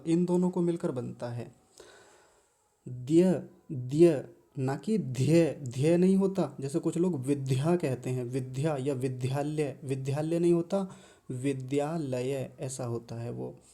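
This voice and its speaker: A man teaching careful pronunciation of chanted verses, patiently explaining and repeating each word slowly syllable by syllable. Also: on the high side, warm tone. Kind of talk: slow, careful pronunciation lesson.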